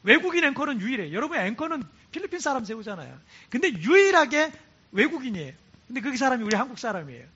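A man's voice: very high voice, sing-song, quick pace, sharp tone, slightly rough, muffled recording. A man, a Korean pastor, preaching to his congregation in a church, chatty and repeating phrases for emphasis. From South Korea. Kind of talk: sermon to a congregation. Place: church in Cebu.

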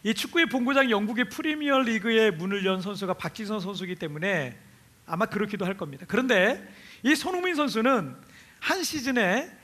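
Male pastor from Chungcheong, chatty sermon, bright, high voice. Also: a little fast. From Chungcheong, Korea. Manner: animated, chatty, laughs with the congregation.

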